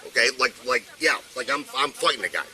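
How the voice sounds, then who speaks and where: A man's voice: mid-range voice, lively intonation, quick pace, bright, forceful tone, rough recording. Rambling tipsy middle-aged man. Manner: rambling, swears a lot. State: drunk. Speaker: resident in a neighbor dispute. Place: outdoors on a residential street. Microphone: officer's body camera.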